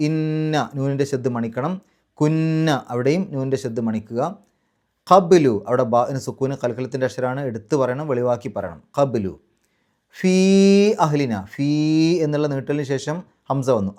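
Guy teaching quran recitation rules, calm step by step, repeats everything, stretches out the example words. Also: medium pitch. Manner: patient, repeats each rule step by step; draws out the Arabic example words slowly.

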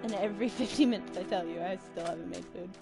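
A woman co-hosting a gaming video, excitable and quick to swear as she chats. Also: lowish voice, gravelly. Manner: excitable, swears a lot, screams when startled. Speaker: gaming co-host. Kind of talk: casual gaming chat. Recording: loud game music behind.

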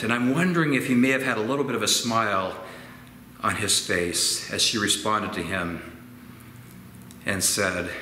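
Faint ambient noise and a roomy church echo surround a lowish-voiced pastor in his sixties as he preaches in a sanctuary with organ pipes. He is slow, gentle and reflective, gesturing expressively, filmed by a fixed camera from medium distance.

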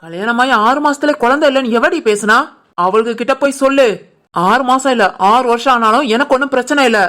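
A woman voicing a protective older mother-in-law in an animated family cartoon, firm and scolding, with a Tirunelveli Tamil accent. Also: high voice, fairly quick. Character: caring older mother-in-law, protective, stern with her daughter.

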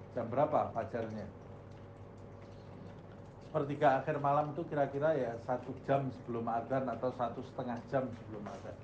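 A male religious teacher lectures at an ordinary middle pitch and keeps asking the room questions that he answers himself. The recording is slightly dull, with a faint hiss behind him. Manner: asks the audience questions and answers them himself. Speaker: Islamic teacher.

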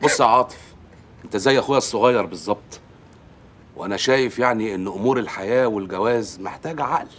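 A man's voice: fairly low pitch, quick pace, slight background noise, lightly acted. An actor playing an exasperated young man of the household, sarcastic and fed up, speaking with an Egyptian Arabic accent in a TV comedy series. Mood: stern. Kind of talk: TV comedy drama acting.

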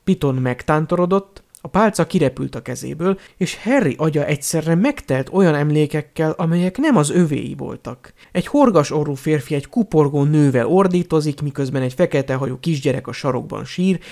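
A man narrating an audiobook in a steady, measured storytelling manner. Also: a little high.

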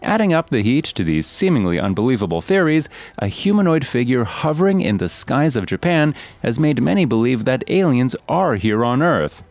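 A man reading scripted news narration in a steady read-aloud delivery. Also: medium pitch, no echo.

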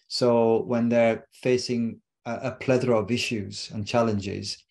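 A reflective middle-aged British man with a medium-pitched, slightly mellow voice appears as a relationship coach guest in a casual interview. Speaking over a video call from a home room with bookshelves, he repeats words as he searches for phrasing.

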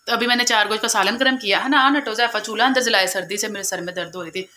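Young woman, rapid chatty home vlog talk, bright voice, faint background noise. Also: mid-range voice. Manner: chatty, confiding, quick to laugh. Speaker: vlogger. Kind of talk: casual chat to camera.

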